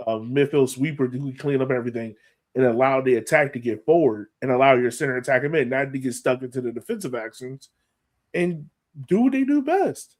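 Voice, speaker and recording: On a sports podcast, an American male co-host analyzes a match with emphatic, everyday language, hammering points through repetition. He talks fairly quickly at medium pitch, with lively intonation and a slightly mellow sound.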